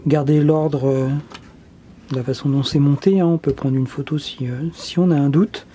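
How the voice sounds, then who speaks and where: A DIY tutorial host explaining a workshop task step by step in a relaxed, casual way, pausing often with fillers. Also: mid-range voice, background noise. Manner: relaxed, hesitant, many filler pauses.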